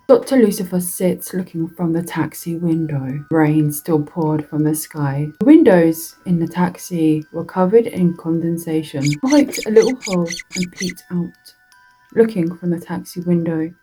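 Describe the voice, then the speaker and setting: A woman narrating a horror story in a slow, deliberate reading that draws out its words. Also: lowish voice, mellow, husky, low-quality recording.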